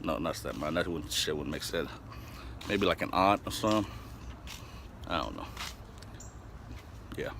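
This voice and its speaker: A man's voice: a bass voice, expressive, a little slow, vocal fry, long pauses, a bit bright, slight background noise. A man rambling and joking with lots of swearing while showing his bus conversion work outdoors. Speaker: DIY bus-conversion vlogger. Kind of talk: casual profane DIY vlog.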